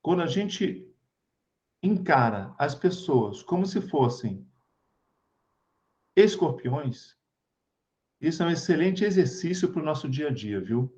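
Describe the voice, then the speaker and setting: Over a video call, a Brazilian-accented spiritist study group speaker gives an informal spiritual talk, chatty and checking in with tag questions as he goes. His voice is on the high side, very animated and a little mellow, with a slow pace and long pauses; the highs are cut off.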